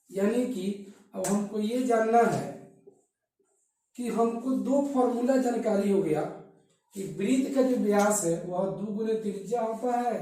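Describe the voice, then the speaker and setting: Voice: medium pitch, mellow. A teacher giving a blackboard maths lesson who keeps asking questions and answering them, repeating the key terms. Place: study centre classroom. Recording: echoey room, distant from mic.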